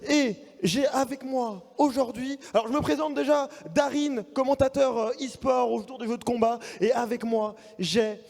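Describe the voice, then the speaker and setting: A man's voice: very high voice, steady tone, normal speed, vocal fry, few pauses, darkish tone. A man working as an esports caster, hyping up a live tournament crowd in a projected announcer's delivery. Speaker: esports commentator. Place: large convention hall stage. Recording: echoey event hall PA, music behind.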